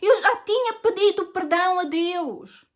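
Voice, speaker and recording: High-voiced European Portuguese woman testifying. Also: measured pace. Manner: earnest, emotional storytelling. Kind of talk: personal testimony.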